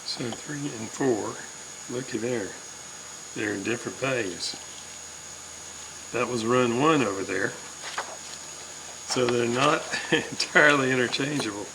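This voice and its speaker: Working on a radio repair for his video, a man half mutters casual, piecemeal commentary in a mid-range voice, a little slow and broken by long pauses. Loud background noise and a constant mains hum sit under the audio.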